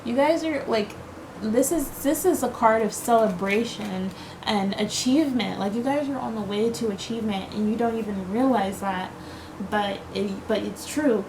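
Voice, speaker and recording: Speaking at a normal speed with a voice on the high side, a woman reads tarot cards casually for her viewers. Her chatty, reassuring style is full of fillers and frequent "okay?" checks, English is her first language, and there is background noise.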